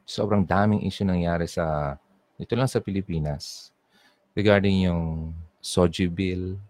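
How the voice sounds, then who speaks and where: A man's voice: sits low, a little slow, a little mellow, dry recording. A young Filipino man with a Bicolano accent hosting a casual call-in radio show, chatting in mixed Tagalog and English and reading out listener messages. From Bicol, Philippines. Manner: chatty Taglish code-switching, reads listener messages. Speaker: online radio DJ.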